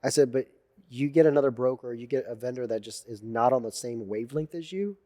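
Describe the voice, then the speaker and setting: A man telling animated stories as a guest in a casual interview, swearing freely and acting out what others said. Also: mid-range voice, a little fast. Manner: animated storyteller, swears freely, acts out quotes. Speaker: podcast guest.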